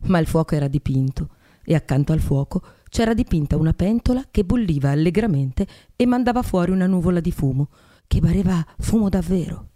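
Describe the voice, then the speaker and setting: A woman podcast host reading a classic tale aloud in a measured, expressive way. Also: on the low side.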